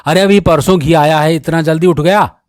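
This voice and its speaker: A man voicing a hot-tempered young village man in a read-aloud story, gruff and taunting. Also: on the high side, steady tone, normal speed, a little mellow, dry recording, studio quality, voice pushed up, natural voice. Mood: angry.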